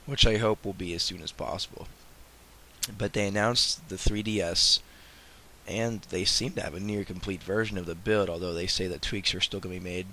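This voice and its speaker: A man with a cold, hosting a gaming show and rambling casually in voice-over, often repeating words and clearing his throat. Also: deep voice, sharp tone, a little hiss or hum. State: sick, congested. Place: off camera, voice-over.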